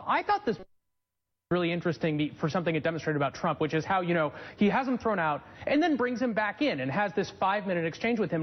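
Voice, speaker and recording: A man commenting on politics as a news panelist in a brisk, analytical way. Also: high-pitched, muffled recording. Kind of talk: cable news panel discussion.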